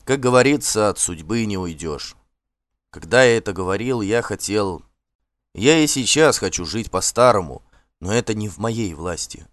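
A man reading the lines of a gentle young warrior, kind and softly pleading with a girl he cares for. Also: fairly low pitch, animated, moderate pace, no echo.

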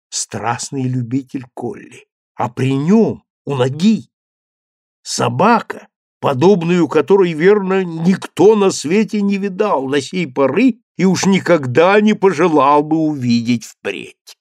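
A man reads a story aloud as an audiobook, expressive and animated. His voice sits somewhat high and moves a lot in pitch. The sound is close and dry. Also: slow, dry recording. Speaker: reader. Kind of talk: audiobook narration.

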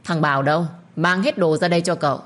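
A woman's voice: on the low side, fast, natural voice. A woman voicing a stern young master of a household in an audio story, giving clipped orders with a mocking edge. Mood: commanding.

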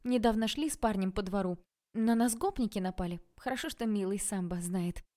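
A woman reading an audiobook, voicing a hot-tempered, sharp-tongued young woman who snaps in a raised voice. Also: mid-range voice, a little fast, voice pushed up, natural voice. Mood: sly. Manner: snapping, raised voice.

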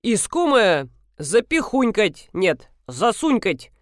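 A woman voicing a gruff middle-aged police colonel who speaks curtly and self-importantly. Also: mid-range voice, big pitch swings, slow pace, dry recording, clean studio sound.

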